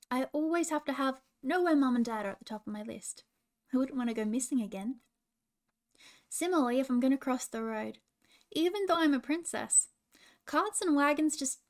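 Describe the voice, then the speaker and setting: A woman in a princess role, gently coaching children and asking them questions. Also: sits high.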